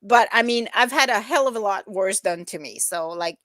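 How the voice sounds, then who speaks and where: A woman's voice: medium pitch, expressive, moderate pace, a bit bright, no echo, studio quality. A woman co-hosting a casual chat show, talking chattily and explaining each step of what she is doing. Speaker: co-host.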